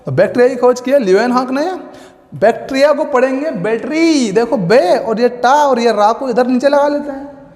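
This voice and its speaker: High-voiced playful coaching teacher, echoey room. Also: male voice, darkish tone. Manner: playful, repeats key words slowly. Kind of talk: classroom lecture with memory tricks. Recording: echoey long-reverb room.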